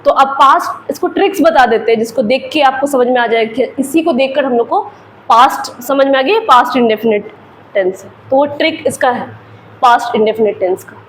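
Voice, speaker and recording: Woman, Indian accent, high voice, classroom lecture, patient explanations, faint background hiss. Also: fairly quick, low-quality recording. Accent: Indian English. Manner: explains patiently with repeated phrases and examples. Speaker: English teacher.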